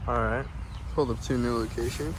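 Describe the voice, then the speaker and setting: Male rockhounding vlogger, mid-pitched, relaxed and slangy, recorded outdoors with heavy ambient noise. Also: quick pace. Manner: laid-back, slangy. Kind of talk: casual chat, outdoor vlog.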